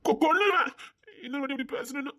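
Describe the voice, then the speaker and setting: A man with a Tirunelveli Tamil accent playing an older man on duty, a gruff yet tender lover who stammers. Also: high-pitched, brisk. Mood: angry, alarmed. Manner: stammers, turns from cold to tender. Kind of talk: romantic short-drama acting.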